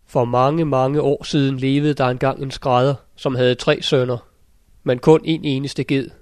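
Male narrator for a fairy-tale audiobook: mid-pitched, steady, very level intonation. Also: dry recording, studio quality. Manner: steady, measured storytelling. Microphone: close studio mic.

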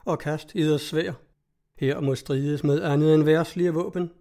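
A man's voice: fairly high pitch, fairly even intonation, gravelly, dark tone. A man voicing a stout, fervent old monk who exclaims his warnings. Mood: commanding. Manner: zealous, exclaiming.

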